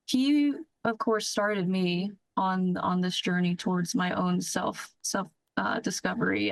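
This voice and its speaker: A woman's voice: medium pitch, vocal fry, no room sound, low-quality recording. A young woman, an active duty Air Force lieutenant, answering in a news interview, earnest and careful with frequent restarts.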